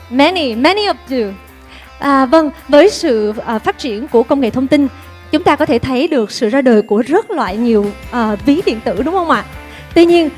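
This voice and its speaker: A woman with a Vietnamese accent and a high, bright voice hosts a conference stage, switching easily between languages. She is upbeat and draws the audience in with questions, and faint music plays underneath. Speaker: event MC. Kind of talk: bilingual event hosting. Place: conference hall.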